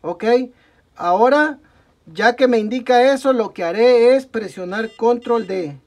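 His voice is very high with a darkish tone, and he speaks a little slowly. This young Mexican man, a tech tutorial host with a Mexican Spanish accent, narrates a step-by-step repair at an indoor desk workbench over bench mic sound, frequently saying "ok, amigos" and revising what he says.

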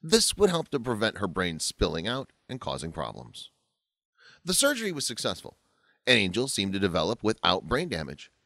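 Lively low-voiced male narrator, dry sound. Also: moderate pace, no room sound. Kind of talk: scripted narration.

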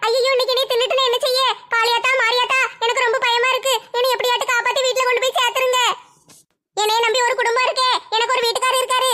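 A woman's voice: very high voice, sharp tone. A woman playing a fearful, chatty village wife and mother who rambles and complains.

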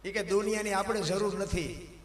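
A man telling a devotional folk story, preaching to his listeners and rising to loud, emphatic peaks. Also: sits high, steady tone, moderate pace. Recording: echoey hall with long reverb from live stage.

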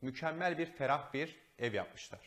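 An enthusiastic man giving a tour of a villa, his voice echoing around an empty room with a high ceiling. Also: lively intonation, normal speed, fairly bright tone. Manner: enthusiastic, praising. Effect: echo of an empty high-ceilinged house. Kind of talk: casual property walkthrough.

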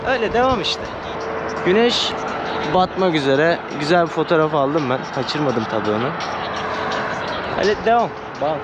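A man's voice: a little high, expressive, normal speed, pauses often, over loud music. A young man with an Adana Turkish accent, vlogging while hitchhiking and later in a hotel room, chatty and wry, dropping to glum mutters. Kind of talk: casual vlog monologue. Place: outdoors by a busy road, later a hotel room. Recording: loud traffic noise outdoors.

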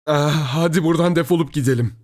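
A man's voice: a little high, fast, a little mellow, voice pushed up, natural voice. A tense scared young man, voiced by a man. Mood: urgent. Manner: urgent, tense.

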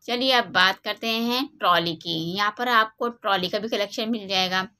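A woman with a bright, mid-pitched voice narrates a casual shopping walkthrough. She moves through a large indoor store on a handheld phone, listing items and prices in a steady, repetitive rhythm. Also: moderate pace, clear, resonant tone. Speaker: shopping vlogger.

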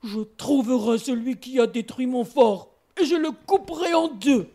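A hot-tempered bear warrior from a storybook, read aloud by a woman, blusters and threatens in a high yet mellow voice. He is proud and stubborn and will not be talked out of his anger. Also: measured pace. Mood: angry.

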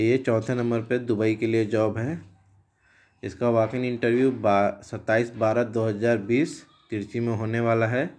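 A man with a somewhat low voice reads job advertisements aloud like a checklist. His delivery is steady and plain as he moves through trades, numbers and requirements. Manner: steady list-like reading of trades and figures. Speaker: job listings channel host.

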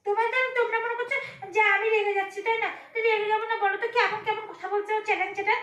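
High, fast-talking woman vlogger. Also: roomy sound. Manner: animated, scolding and teasing by turns. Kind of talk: casual vlog chat addressed to viewers.

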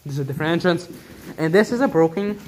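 A young man vlogs as he walks through a huge abandoned factory, chatting casually and explaining what he sees into a handheld camera. His voice is a little high, expressive and quick. The recording is low quality, with slight background noise.

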